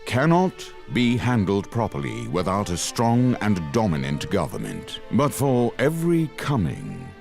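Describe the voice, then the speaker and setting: A man's voice: fairly low pitch, wildly swooping pitch, measured pace, gravelly, hardly any pauses, darkish tone, faint music behind, heavily acted. An actor dubbing a male court orator who declaims solemnly in a historical drama. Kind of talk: English dub of a historical drama.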